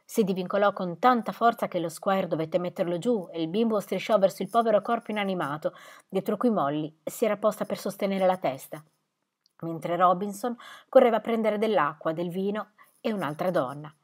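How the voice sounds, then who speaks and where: A woman narrating an audiobook with an expressive, dramatic reading. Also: medium pitch, brisk. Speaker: audiobook reader. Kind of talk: scripted narration.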